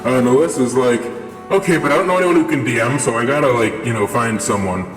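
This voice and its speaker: Young guy on a voice changer, rambly story with lots of ums, big echoey reverb and loud music behind. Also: medium pitch, fast. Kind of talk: casual storytelling.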